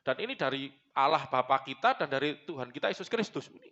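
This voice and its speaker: A man's voice: medium pitch, expressive, fast, pushed and bright, muffled recording. A man preaching a sermon to his church congregation, blunt and joking, slipping into phrases. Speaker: pastor.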